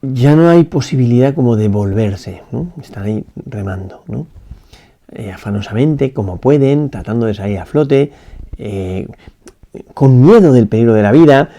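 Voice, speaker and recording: In a mid-range voice that is mellow, dark and a little gravelly, a priest meditates aloud on a gospel passage, slow and reflective yet animated. He keeps restarting his phrases and tacking on a questioning tag to check in with listeners.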